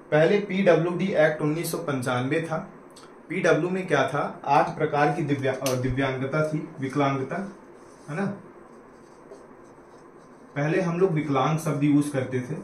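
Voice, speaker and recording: A man's voice: a little high, moderate pace, echoey room, a little hiss or hum, poor audio. A man from Uttar Pradesh, India, giving a casual exam-prep lecture who explains things step by step and keeps checking in with "right?" and "okay?". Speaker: teacher-exam coach.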